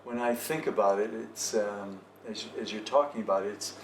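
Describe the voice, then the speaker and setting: Through a distant mic in an echoey, slightly noisy cafe tea house, a man leads a relaxed, reflective group chat with thoughtful hesitation. His voice sits on the low side, steady and creaky, at a normal speed.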